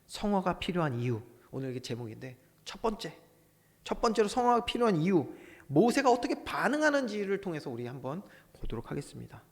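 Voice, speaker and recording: A male pastor preaching a sermon with passion, swinging from loud bursts to hushed asides. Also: high-pitched, sing-song, fairly quick, creaky, big-room sound.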